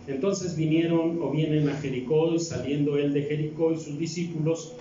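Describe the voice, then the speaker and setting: A Mexican deacon delivers a sermon, his voice mellow and set a little high. He keeps asking the congregation questions as he reads scripture. The sound is dull and distant, swallowed by the heavy echo of a church hall. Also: steady tone, moderate pace, a little hiss or hum. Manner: asks the congregation rhetorical questions. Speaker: deacon preaching. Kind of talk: sermon with Bible reading.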